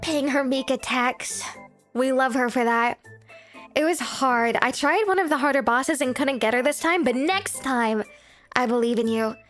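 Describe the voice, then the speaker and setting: A woman with a high voice chats casually to her livestream viewers. Her delivery is cute and giggly, in the manner of an anime streamer. Music plays behind her. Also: normal speed, a bit bright. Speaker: livestream host.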